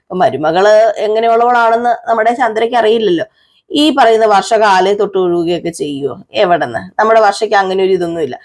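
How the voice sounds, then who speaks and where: ഒരു സ്ത്രീ, ശ്രോതാക്കളോട് സംസാരിക്കുന്നതുപോലെ ഒരു സീരിയലിന്റെ കഥ ലളിതമായി പറഞ്ഞുപോകുന്നു. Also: female voice, medium pitch, fairly quick, a little mellow. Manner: chatty, asides to listeners. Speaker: serial recap narrator. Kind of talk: casual storytelling recap.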